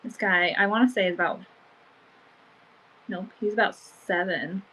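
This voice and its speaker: An allergy-stuffed, sniffly woman hosts a laid-back live sale of vintage goods from home. Her mid-range, fairly bright voice moves at a measured pace, full of "um" and "like." Audio quality is poor.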